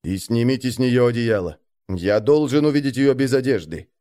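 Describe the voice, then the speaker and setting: A man's voice: medium pitch, lively intonation, moderate pace, mellow, close to an everyday voice. A man voicing a blunt, irritable wandering shaman who drawls and speaks sternly.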